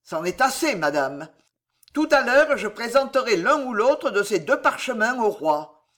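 Cold old nobleman, storybook villain, measured, slow, ruthless, woman reading. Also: fairly high pitch, big pitch swings, a bit bright, pitched above the performer's own voice, exaggerated voice. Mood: cold menace. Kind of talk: dramatic audiobook reading.

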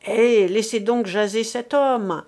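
A woman's voice: a little high, slow, darkish tone. A woman reading aloud as a man in a crowd, earnest and persuasive. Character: reasoning male bystander.

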